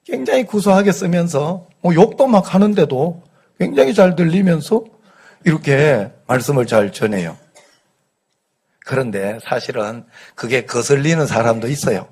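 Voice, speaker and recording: A middle-aged pastor with a light Gyeongsang accent, preaching a conversational Sunday sermon, telling folksy stories and asking the congregation rhetorical questions. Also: male voice, fairly high pitch, animated, normal speed, a little mellow, husky. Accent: light Gyeongsang dialect. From Gyeongsang region, South Korea.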